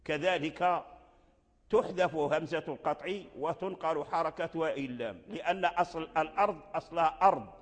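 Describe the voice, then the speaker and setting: A somewhat high-voiced man gives a recitation lesson, going back over each example word again and again. His voice trails off into a long hall reverb. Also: husky. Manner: explains by repeating each word several times. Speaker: Quran recitation teacher. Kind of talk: classroom lesson explanation.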